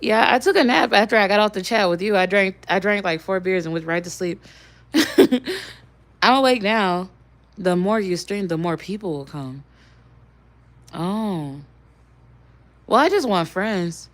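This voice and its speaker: A woman's voice: mid-range voice, a little slow, pauses often. A young woman streaming live and talking loosely with her viewers. She rambles from one thought to the next, cursing casually, with a mid-range voice. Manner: swears casually. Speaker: livestreamer.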